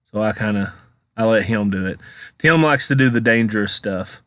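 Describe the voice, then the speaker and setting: A man's voice: lowish voice, normal speed, fairly bright tone, no echo. An American man giving a casual, chatty voice-over as a vlogger, rambling informally as he comments on exploration footage.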